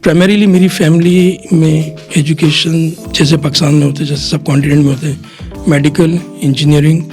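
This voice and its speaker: Pakistani man explaining, fairly high voice. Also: darkish tone. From Pakistan, Quetta. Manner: mixes English phrases into Urdu, frequent "theek hai". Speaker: guest, chartered accountant. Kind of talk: podcast interview, explaining at length.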